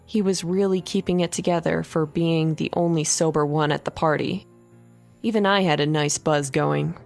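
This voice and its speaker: Low gravelly woman narrator. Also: moderate pace, faint music behind. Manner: expressive first-person reading. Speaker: story narrator. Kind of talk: horror story reading.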